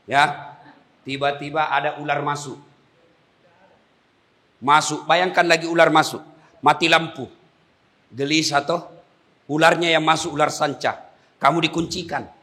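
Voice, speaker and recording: A man preaching a humorous sermon at a prison gathering, animated, swinging between hushed and shouted lines. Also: a little high, unhurried, long pauses.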